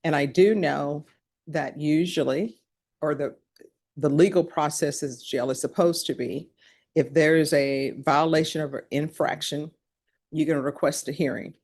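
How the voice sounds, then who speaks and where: A woman judge presiding in a courtroom, running through formal legal admonishments in a brisk, practiced way. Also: low-pitched, fairly even intonation, darkish tone. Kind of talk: courtroom proceedings.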